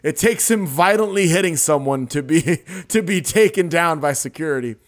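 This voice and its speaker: Man, young adult, podcast host, casual animated chat, fairly high voice. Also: moderate pace. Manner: animated storytelling, swearing, laughing.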